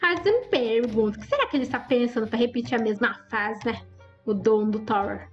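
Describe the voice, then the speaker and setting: A woman's voice: a little high, lively intonation, a little fast, highs cut off, faint music behind. A woman giving chatty, exclaiming commentary over her Roblox gameplay and talking straight to her viewers. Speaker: gaming YouTuber.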